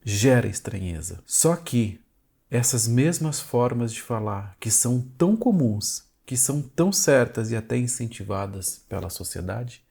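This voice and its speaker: A man's voice: mid-range voice, very animated, a little slow, creaky, darkish tone, breathy edge. A man, a family communication educator, talks straight to the viewer in short, repeated phrases. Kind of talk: direct-to-camera explanatory talk.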